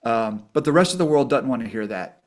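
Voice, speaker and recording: A middle-aged man telling stories as a podcast guest. His voice sits in an ordinary middle pitch, and he swings up high and loud when he acts out the people in his stories. He talks with a storyteller's animation. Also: animated, fairly quick. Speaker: guest, documentary filmmaker.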